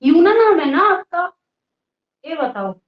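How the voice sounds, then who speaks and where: A woman's voice: extremely high pitch, very animated, measured pace. A young woman teaching a casual live online class, chatty and teasing with her students, with a cold and a cough. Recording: roomy, dull lo-fi sound.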